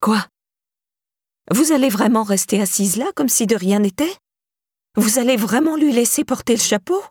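A woman's voice: mid-range voice, moderate pace, darkish tone, no room sound, clean studio sound, close to an everyday voice. A woman voicing an older neighbour with a firm, insistent, accusing manner. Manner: insistent, pressing.

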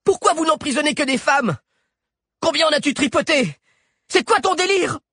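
A man voicing a fierce, defiant young woman held captive, shouting her defiance. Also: very high-pitched, expressive, moderate pace, dry recording, clean studio sound, voice pushed up, full character voice. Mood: furious defiant.

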